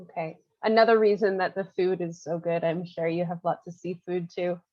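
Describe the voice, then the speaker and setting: A woman's voice: fairly low pitch, little pitch movement, normal speed, a little mellow. A woman interviewing a guest in a casual conversation, asking short questions and giving encouraging replies. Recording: dull lo-fi audio.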